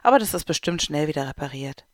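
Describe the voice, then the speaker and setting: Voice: medium pitch, expressive, fast, no room sound, studio quality, natural voice. Narrator doing a reassuring storybook dad. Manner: soothing, explaining. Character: kind, reassuring father.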